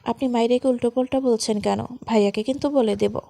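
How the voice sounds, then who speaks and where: A woman's voice: on the high side, fairly even intonation, fast, gravelly, mellow. A woman voicing a timid, easily cowed young woman in a storybook romance, speaking meekly. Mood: protesting. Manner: meek, mumbling.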